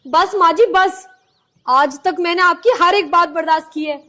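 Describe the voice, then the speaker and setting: An actress playing a patient, pleading young daughter-in-law in a village film drama. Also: female voice, high-pitched, moderate pace, lightly acted. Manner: pleading, long-suffering.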